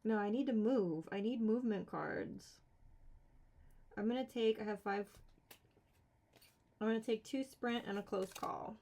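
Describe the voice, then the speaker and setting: A woman's voice: mid-range voice, a little slow, long pauses, mellow. A woman streaming a solo board game, casually thinking aloud, counting cards and talking herself through the rules with mildly exasperated asides.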